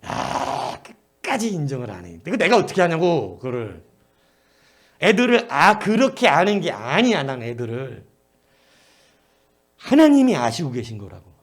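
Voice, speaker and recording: A middle-aged male pastor preaching a prayer-meeting sermon, telling stories in an animated way and swinging between emphatic bursts and low asides. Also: normal speed, long pauses.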